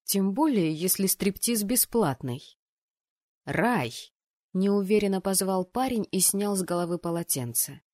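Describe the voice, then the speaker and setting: A woman narrating a first-person fantasy story aloud, acting out the characters' lines with lively changes of voice. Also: moderate pace, few pauses, dry recording, clean studio sound. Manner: voices the rowdy students' shouts with bursts of pitch and volume. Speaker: audiobook narrator.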